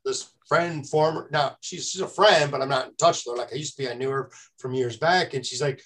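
Fairly quick and a bit bright, this man's mid-range voice carries a casual podcast interview he is hosting. His speech is conversational, marked by frequent stammered restarts.

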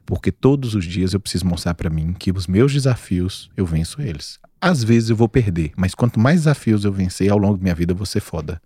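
Man, 40s, Brazilian Portuguese accent, animated, slangy, emphatic, dry close sound. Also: low voice, fairly quick, hardly any pauses, slightly rough, no room sound. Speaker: doctor guest. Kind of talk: casual podcast chat.

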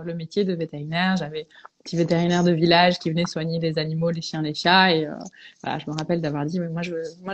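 A woman's voice: fairly low pitch, darkish tone, muffled recording, slight background noise. A woman from Belgium, a veterinarian guest, tells her story in a reflective, hesitant way in a casual podcast interview.

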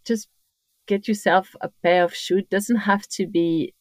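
A woman in her fifties from Corsica, France, guests on a podcast as a trail runner, chatting casually in a French accent and rambling with frequent restarts. Her medium-pitched voice stays steady and unhurried, with no echo.

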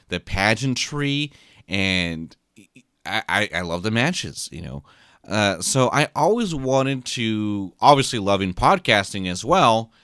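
Tired from too little sleep, a man co-hosting a podcast rambles in casual chat, full of restarts and repeated words. His voice is fairly low and a bit bright, recorded on a podcast mic with clean studio sound and no echo.

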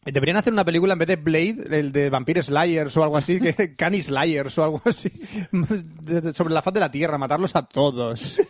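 A young man with a Spanish accent from Spain rants through a podcast chat at a fast clip. His voice sits a little high, and the sound is close and dry. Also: no room sound. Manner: opinionated, rapid rants. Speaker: podcast co-host. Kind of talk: casual chat.

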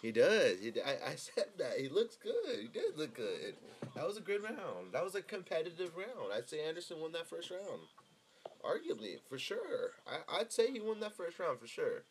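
A man's voice: a little high, wildly swooping pitch, normal speed, a little hiss or hum. A man giving casual live fight-fan commentary in a sweary frat-bro manner, full of dude and bro slang.

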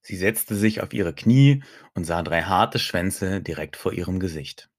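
Male audiobook narrator, first-person story, very deep voice, dry close sound, calm even reading. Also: unhurried, no echo.

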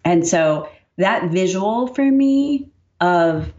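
Low-voiced woman guest, dull sound. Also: very slow. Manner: earnest, expressive, reflective. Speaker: podcast guest, author and speaker. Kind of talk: casual faith conversation.

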